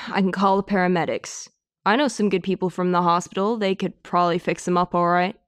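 Sardonic teenage healer girl, raised pitch, stern and sarcastic, as a male narrator puts her on. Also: steady tone, a little fast, a bit bright, clear, resonant tone. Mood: reproachful. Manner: sarcastic, reproachful. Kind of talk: audiobook character voice.

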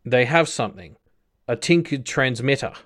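A man's voice: mid-range voice, expressive, moderate pace, a bit bright, pitched above the performer's own voice, close to an everyday voice. A man voicing a hurt, stubborn male prisoner who argues and pleads in a strained, urgent way.

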